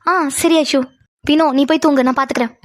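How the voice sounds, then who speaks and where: A woman voicing female characters in a cartoon, brisk and chatty, often indignant. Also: high voice, fairly even intonation. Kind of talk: Tamil cartoon voice acting.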